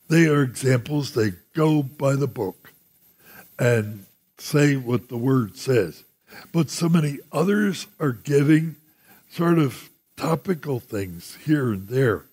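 An older man teaching a church Bible class in a folksy, animated way, with frequent hesitations. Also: medium pitch, slightly rough.

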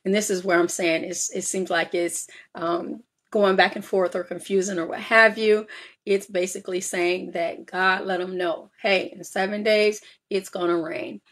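A woman talking through a Bible passage in a relaxed, conversational way. She keeps checking in with "all right?" and "right?", drifts through "um"s, and moves between reading verses and explaining them as if to a small group. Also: medium pitch, moderate pace. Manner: reads scripture aloud then explains with frequent "all right?" and "um". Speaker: Bible study teacher.

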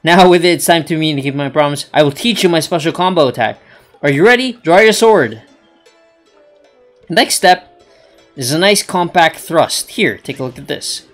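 A man reading game dialogue aloud, voicing an eager sword trainer who teaches a combo attack, in a raised, louder voice. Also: fairly high pitch, animated, moderate pace, soft background music, voice pushed up, lightly acted.

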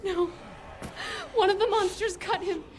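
A woman's voice: very high-pitched, steady tone, measured pace. An actress voicing a frightened young village woman who pleads urgently in a video game cutscene. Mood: anxious.

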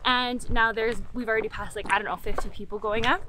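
A young woman chatting casually in a hiking vlog, giving tips to the viewer in a relaxed, friendly way. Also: fairly high pitch, brisk, background noise. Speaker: travel vlogger. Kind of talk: casual vlog chat and narration. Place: outdoors at a campsite and on a trail.

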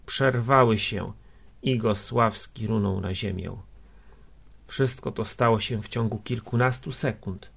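A man narrating a literary story in a measured, steady way, with a gravelly, husky voice. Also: lowish voice. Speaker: audiobook narrator.

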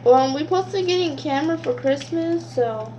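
A young woman with a high voice chats her way through a casual cooking vlog. She talks straight to her viewers from a small kitchen, with frying and sizzling noise clearly audible behind her on a camera set on the counter. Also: lively intonation, normal speed. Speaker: vlogger.

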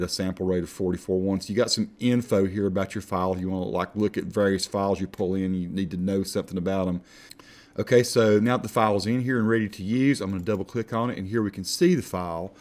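A man with an Appalachian accent giving a casual, folksy, self-deprecating software tutorial as he talks through each step. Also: lowish voice. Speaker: tutorial instructor.

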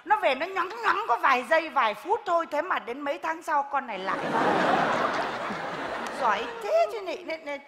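A woman's voice: high-pitched, big pitch swings, normal speed, heavy background noise. A woman playing a bossy village woman who scolds and lectures a pregnant neighbor in a live comedy skit. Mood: scolding. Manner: scolding, lecturing, loud and exaggerated. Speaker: comic stage actor. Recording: reverberant live stage hall.

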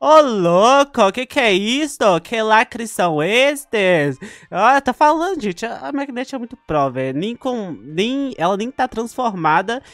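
A man's voice: sits high, very animated, unhurried, hardly any pauses, a bit bright, no room sound. A young man with a Brazilian Portuguese accent, giving chatty gameplay commentary with dramatic outbursts. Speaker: gaming YouTuber.

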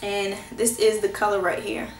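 A young female beauty vlogger, hoarse from a cold, gives a casual product review in a small room at home, chatty, reassuring and teasing herself. Her mid-range voice is flat and at normal speed, caught by a camera close in front in an echoey room with slight background noise.

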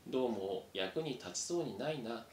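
A man's voice: expressive, normal speed, darkish tone, lightly acted. A man voicing a brash, boastful buck-toothed male mouse. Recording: roomy echo, faint rumble.

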